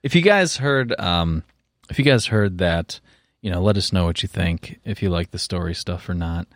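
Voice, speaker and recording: A man co-hosting a podcast in casual chat, animated and laughing often, with plenty of fillers. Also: low voice, moderate pace, dry recording, clean studio sound. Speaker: podcast co-host.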